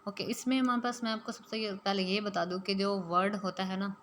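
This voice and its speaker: A woman's voice: medium pitch, little pitch movement, a bit bright. Woman teacher, faint hiss. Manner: explains slowly and mixes in English phrases. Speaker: English teacher. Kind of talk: spoken English lesson.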